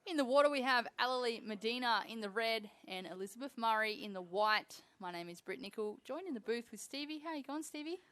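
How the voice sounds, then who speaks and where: Smooth, clear woman sports commentator. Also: a little high, animated, a little fast, few pauses, a bit bright. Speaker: booth host and commentator. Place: commentary booth at a surfing event.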